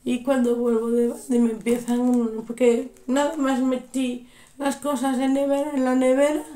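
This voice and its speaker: Young woman vlogger, high mellow voice, echoey room, still unwell. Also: normal speed. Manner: animated, repeats exclamations. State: unwell, recovering from illness. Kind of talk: casual storytelling.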